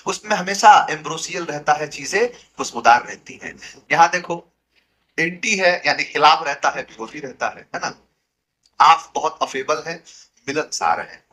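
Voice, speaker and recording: A young male teacher with a bright, forceful voice that sits fairly high for a man. He teaches vocabulary playfully and acts out comic family scenes. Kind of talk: Hindi-medium vocabulary lesson with acted skits.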